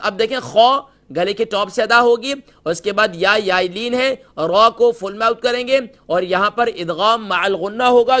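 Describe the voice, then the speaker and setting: High-voiced man teaching Quran pronunciation. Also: a bit bright. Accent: Pakistani Urdu. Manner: models each word slowly, then explains the rules. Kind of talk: tajweed lesson, explaining pronunciation.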